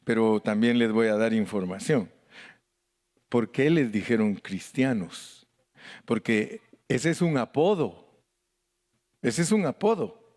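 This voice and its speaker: Mexican-accented male pastor, middle-aged, folksy Bible teacher who jokes and mimics voices, mid pitch. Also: animated, slow pace, long pauses, darkish tone. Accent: Mexican Spanish. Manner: folksy and joking, mimics voices, calls out to the congregation. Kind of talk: Bible study sermon.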